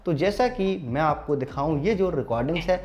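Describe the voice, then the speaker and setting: Over a loud crowd, an Indian man hosting a tech channel talks viewers through a phone tutorial in a formal, instructional, step-by-step manner that sounds scripted. His voice is fairly high, animated and fairly quick.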